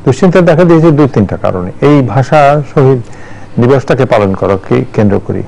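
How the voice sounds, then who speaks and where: A man's voice: mid-range voice, animated, a little fast, creaky, dark tone, slight background noise, rough recording. A man in his sixties, a journalist and university teacher, giving thoughtful studio commentary with many restarts and fillers. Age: 60s.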